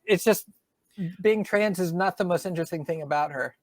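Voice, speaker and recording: With a lowish pitch and moderate pace, a middle-aged author from Georgia chats as an interview guest, her faint Southern accent coming through. She's thoughtful but leans on plenty of fillers and restarts. The recording is dry.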